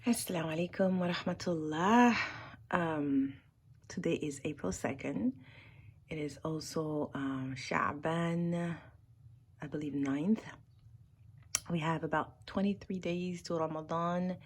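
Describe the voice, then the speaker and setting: A woman's voice: low-pitched, a little slow, slightly rough. A woman teaching Quran classes and chatting through a casual vlog, a little congested, laughing easily and sometimes dropping to a near whisper.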